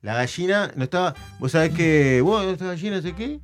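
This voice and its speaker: Halting storyteller. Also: male voice, on the high side, animated, faint music behind. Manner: halting anecdote telling with restarts.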